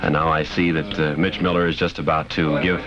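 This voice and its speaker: A man's voice: a bass voice, level tone, fairly quick, music in the background. A man hosting a radio comedy show, joking and mock-announcing in a dry, mock-formal way, heard on an old lo-fi radio recording. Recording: dull old radio recording with crowd noise.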